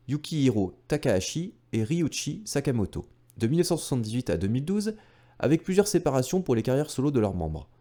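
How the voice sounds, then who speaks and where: A man with a medium-pitched, warm voice narrates a retro gaming video from a script. As the video's creator and host, he sounds enthusiastic, speaks directly to viewers and drops in casual asides.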